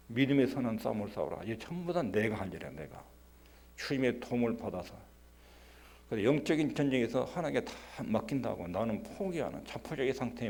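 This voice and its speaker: A male pastor giving a Sunday sermon in earnest. He acts out prayers in a quieter voice and leans hard on key words. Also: medium pitch. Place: church sanctuary.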